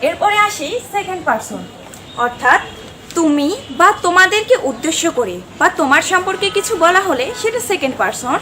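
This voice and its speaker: A woman's voice: very high voice, animated, brisk, bright, forceful tone, slight background noise. A woman teaching an online grammar lesson, methodically defining each term and then giving examples. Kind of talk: structured lesson explanation.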